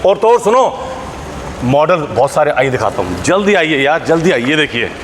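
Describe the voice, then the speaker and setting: A man hosting a hard-sell promotional video, excitable and exclamatory, repeating phrases for hype. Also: on the high side, normal speed. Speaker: video host promoting a dealer. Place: vehicle showroom and factory. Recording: echoey, noisy space with vehicle sounds.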